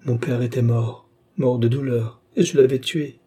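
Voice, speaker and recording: A man voicing a grieving, remorseful young woman as she tells her story in an audiobook, in a measured, confessional way. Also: mid-range voice, steady tone, warm tone, husky, lightly acted. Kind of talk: audiobook reading.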